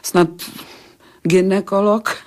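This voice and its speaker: A woman's voice: mid-range voice, steady tone, a little mellow, close to an everyday voice. An actress in a radio play voicing a sceptical woman who teases and bargains in a dry, colloquial way. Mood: sardonic. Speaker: actor in radio drama. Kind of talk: Czech radio play acting.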